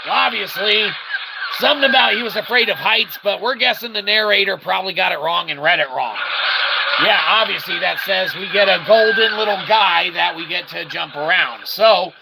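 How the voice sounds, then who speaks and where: Here a man with a high, gravelly voice gives goofy, casual video game commentary, leaning on wordy catchphrases and mock-formal asides. He streams and reviews video games; the recording is very noisy, with game sound in the background.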